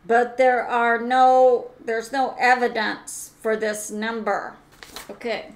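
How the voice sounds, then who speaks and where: Slow, halting woman commentator. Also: on the high side, flat delivery, a little hiss or hum. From United States. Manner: slow, halting, with many "uh" fillers and self-corrections. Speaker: channel host. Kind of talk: solo news commentary.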